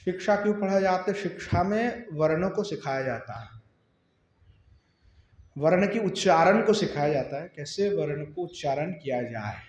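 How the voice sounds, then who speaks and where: Man, scripture teacher, sounds out syllables slowly, rhetorical questions, dull roomy recording. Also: fairly high pitch, darkish tone. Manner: explanatory, asks rhetorical questions and answers them. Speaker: scripture teacher giving a religious discourse. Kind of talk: teaching religious discourse.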